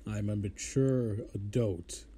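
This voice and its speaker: A man's voice: lowish voice, slow pace, dark tone, slight background noise. A man hosting a casual Bible teaching show, informal and easily amused, often breaking off to apologize and laugh at himself.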